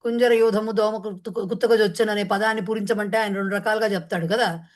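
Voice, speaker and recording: A woman Sanskrit teacher who chants a verse slowly, then explains it in quick talk mixed with English words. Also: medium pitch, fairly even intonation, a little mellow. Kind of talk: online class explaining a verse in Telugu.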